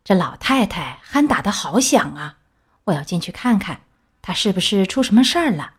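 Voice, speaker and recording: Woman doing a gruff-ish hunter guy, blunt and scolding, storybook read. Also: mid-range voice, big pitch swings, normal speed. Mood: stern. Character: bold grown male hunter.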